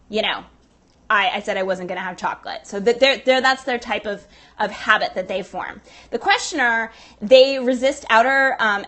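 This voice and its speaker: A woman's voice: on the high side, a bit bright. A woman from Southern California with a Southern California accent, hosting a casual livestream from a Pilates studio and chatting in a rambling way full of fillers. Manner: chatty, rambling, many fillers, reads viewer comments. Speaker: livestream host.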